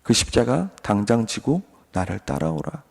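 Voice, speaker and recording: A man voicing God questioning a doubting believer, low and firm. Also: big pitch swings, normal speed, gravelly, husky, exaggerated voice. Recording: long reverb.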